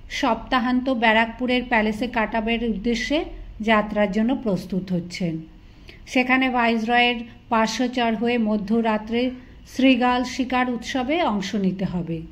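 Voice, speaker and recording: High-voiced woman audiobook narrator. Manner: steady, literary storytelling. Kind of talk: scripted narration.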